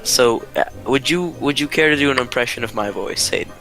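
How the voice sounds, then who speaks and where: A man speaks fairly quickly in a medium-pitched, somewhat bright voice, co-hosting a laid-back podcast via voice call. He wanders off topic and says "like" constantly; the low-quality voice-call audio carries soft music underneath.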